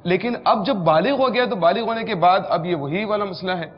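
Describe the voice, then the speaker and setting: A man's voice: high-pitched, big-room sound, lo-fi sound. A man co-hosting a talk show, recounting a case in a rambling, restarting way. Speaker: co-host.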